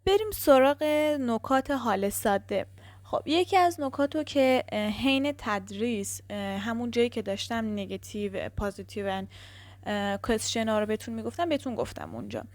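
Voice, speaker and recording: A woman teaching an English grammar lesson who explains step by step, checks in with the class and drills word pairs slowly. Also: on the high side, dry recording.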